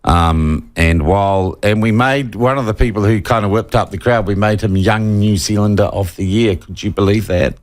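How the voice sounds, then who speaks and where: A man's voice: fairly low pitch, normal speed, few pauses. A man hosting a talk radio interview, asking pointed, opinionated questions.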